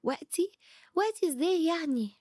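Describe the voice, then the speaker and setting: A woman with an Egyptian Arabic accent voicing a little boy who keeps putting things off, pleading and excitable. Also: high voice, fairly quick, no room sound, studio quality. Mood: worried.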